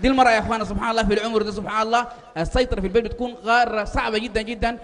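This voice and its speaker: A man's voice: sits high, steady tone, racing, fairly bright tone. A man with a Sudanese Arabic accent performing stand-up comedy, asking questions and explaining with emphatic, repeated exclamations. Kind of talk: comedy double-act routine, questioning and explaining. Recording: echoing hall, long reverb.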